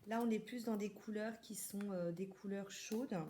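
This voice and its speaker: A woman from France chats through a makeup haul for her viewers. She talks casually, pausing and restarting her sentences as she shows each product. Her pitch sits at an ordinary middle level for a woman. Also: steady tone, mellow, a little hiss or hum. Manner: chatty, many hesitations and restarts. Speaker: beauty vlogger.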